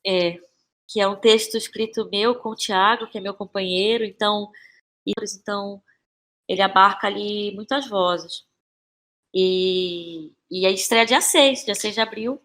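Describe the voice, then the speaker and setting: With a medium-pitched, slightly bright voice, a measured pace and fairly even intonation, a Brazilian woman reflects casually as a podcast guest. A playwright and actress with a Brazilian Portuguese accent, she tends to repeat phrases while gathering her thoughts.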